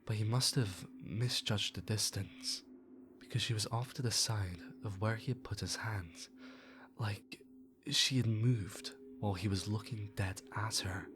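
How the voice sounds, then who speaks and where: A man narrating a horror story aloud in a slow, measured way, sometimes dropping into hushed tones. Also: fairly low pitch.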